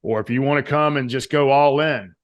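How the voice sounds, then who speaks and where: A man's voice: mid-range voice, a little fast, dull audio. A man with a Southern US accent and drawl, talking earnestly and emphatically as a motivational interview guest, repeating phrases for effect. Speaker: guest, author and retreat leader.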